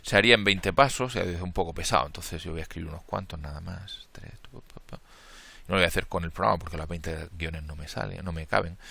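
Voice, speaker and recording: Man, Spain Spanish accent, math lecture, methodical, bright edgy tone, gravelly. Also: low voice, quick pace, no room sound. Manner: methodical, thinks aloud and corrects slips. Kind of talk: worked-problem lecture, counting steps aloud.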